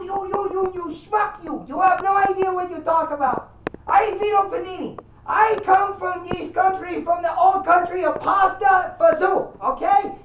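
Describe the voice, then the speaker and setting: Performer doing a sputtering Italian male caller, very high voice, stammering, shouting, distant, dull lo-fi sound. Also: roomy sound, slight background noise. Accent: put-on Italian. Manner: sputtering, stammering repeated words, shouting insults. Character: angry Italian immigrant male radio caller.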